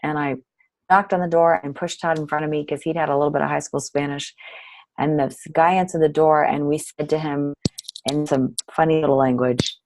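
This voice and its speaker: A woman's voice: deep voice, steady tone, fairly quick, a little mellow, a little hiss or hum, poor audio. A middle-aged woman, a nonprofit director, telling her story earnestly as an interview guest.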